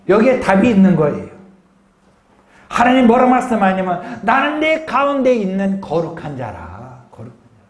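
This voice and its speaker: A man's voice: sits high, echoey room. A man pastor preaching a sermon with emphasis, often asking the congregation questions.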